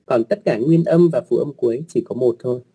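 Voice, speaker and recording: A man's voice: mid-range voice, brisk, mellow, breathy edge. A man teaching an online lesson on writing rules, speaking patiently with polite particles, frequent fillers and repeated words.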